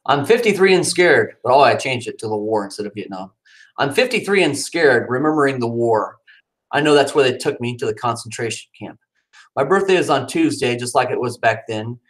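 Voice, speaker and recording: This rough recording captures a man making a casual aside about his cat, then launching into a dramatic reading of his own poems with big pitch swings. His delivery is expressive and fairly quick.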